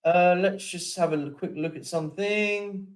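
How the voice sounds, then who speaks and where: A man's voice: high-pitched, normal speed, distant mic, low-quality recording. A young man hosting a casual live-stream chat, reading out viewer comments and yawning now and then. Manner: chatty, keeps yawning and apologising.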